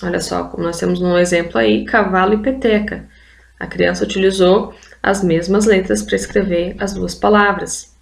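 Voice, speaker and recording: A woman's voice: medium pitch, fairly even intonation, moderate pace, gravelly, reverberant. A Brazilian woman teaching literacy in an online video lesson. She explains step by step and keeps prompting viewers with "olha só" and "gente". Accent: Brazilian Portuguese.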